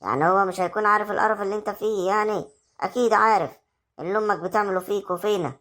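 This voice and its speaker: A woman's voice: mid-range voice, racing, fairly bright tone, close to an everyday voice. A woman with an Egyptian accent acting a young village wife who coaxes her husband in an amateur family drama. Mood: coaxing. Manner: coaxing, persuasive.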